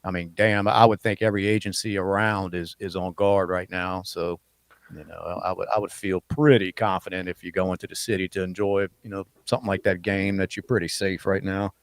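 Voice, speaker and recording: A man's voice: sits low, flat delivery, a little fast, no echo. Rambling man hosting. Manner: rambling, full of "you know" fillers. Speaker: podcast host. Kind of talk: casual chat.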